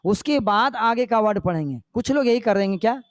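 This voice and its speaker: An older male teacher giving an exam-prep lecture. He often checks that the class understands and dictates notes slowly. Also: high voice, lively intonation, dry recording, clean studio sound. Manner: checks understanding with repeated questions; demonstrates slow, paused recitation.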